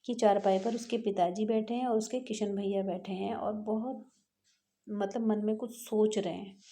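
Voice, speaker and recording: A woman teacher reading a textbook chapter aloud and then retelling each passage in simpler words, slowly and patiently, with pauses. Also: mid-range voice, dark tone. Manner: slow, patient explaining with pauses and restarts. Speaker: school teacher.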